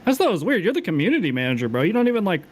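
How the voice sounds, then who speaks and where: A man's voice: high voice, sing-song, very fast. A man chatting casually on a podcast, loose and full of fillers. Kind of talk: podcast chat.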